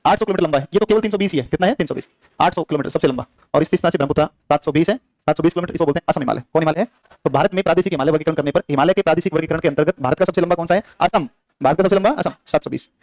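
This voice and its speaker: Rapid-fire male teacher drilling students. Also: on the high side, darkish tone, no room sound, clean studio sound. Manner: rapid, repetitive drilling with quiz questions to students. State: sore throat. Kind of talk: exam-prep classroom lecture.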